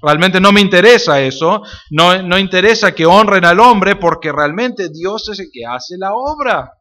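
A young man with a Rioplatense Spanish accent preaching a sermon as pastor, emphatic, swinging from loud declarations to soft asides. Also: high-pitched, lively intonation, moderate pace. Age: young adult.

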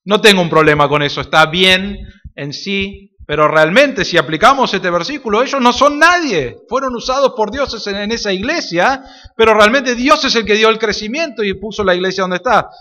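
A young man preaches with a Rioplatense Spanish accent, his voice high and bright. He is emphatic, swinging from loud declarations to soft asides. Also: moderate pace. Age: young adult. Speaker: pastor. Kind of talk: sermon.

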